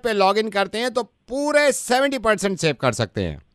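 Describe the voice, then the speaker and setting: High, bright-voiced male radio prankster. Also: wildly swooping pitch, moderate pace, clear, resonant tone, no room sound, studio quality. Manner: loud, argumentative-sounding tone. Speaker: radio host pulling prank calls. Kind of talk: prank phone call.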